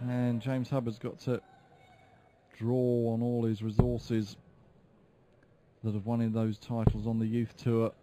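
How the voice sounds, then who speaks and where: Even-toned male darts commentator. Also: medium pitch, measured pace, pauses often. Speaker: sports commentator.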